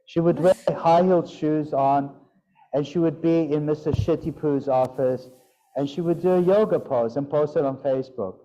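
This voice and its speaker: A man's voice: fairly high pitch, normal speed, mellow. A man teaching a yoga and Sanskrit pronunciation class, playful and demonstrating sounds aloud. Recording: dull lo-fi sound.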